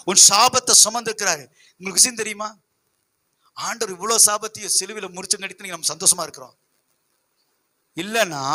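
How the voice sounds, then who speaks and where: A man's voice: high voice, pushed and bright. A man preaching a sermon as pastor, emphatic and full of rhetorical questions to his listeners.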